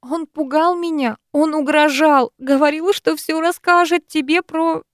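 A woman reading the tearful lines of a frightened young woman in an audiobook, with a pleading, shaky, drawn-out manner. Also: high voice, level tone, a little mellow, no room sound, clean studio sound, voice pushed up.

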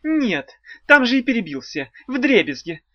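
The squeaky demon Tukhlamon. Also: male voice, huge pitch swings, moderate pace, no echo, muffled recording, exaggerated voice. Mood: whining. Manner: whiny and fawning, shrill outbursts. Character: squeaky, fawning, spiteful little male demon.

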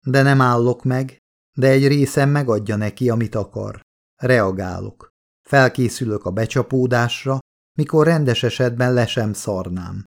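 A man narrating an audiobook in the first person, with a steady, measured reading. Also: mid-range voice, creaky.

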